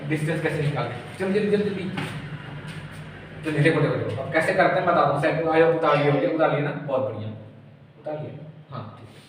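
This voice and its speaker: A man's voice: on the high side, fast, distant mic. A male tutor giving an informal exam-prep lesson, chatty and familiar, asking and answering his own questions. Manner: calls the viewer brother, very familiar. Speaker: physics tutor. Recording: echoey room, faint room noise.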